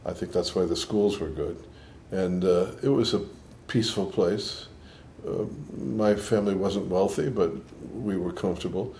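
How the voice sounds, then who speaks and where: In an interview, a Boston-born older scientist reflects on his life, his accent a mix of Boston and New York. He speaks thoughtfully with frequent restarts, yet his low, mellow voice moves at a moderate pace with hardly any pauses. There's slight background noise.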